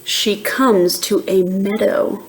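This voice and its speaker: Reading a children's picture book in an expressive, measured teacher's manner, a woman breaks off to ask the kids listening questions. Her voice is mid-range, and there's background noise.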